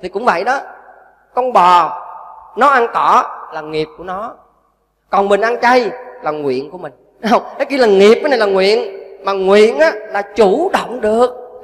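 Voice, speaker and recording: High-voiced monk preaching. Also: male voice, in a large hall. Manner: storytelling, acts out quoted voices, animated. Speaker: Buddhist monk giving a dharma talk. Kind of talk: sermon.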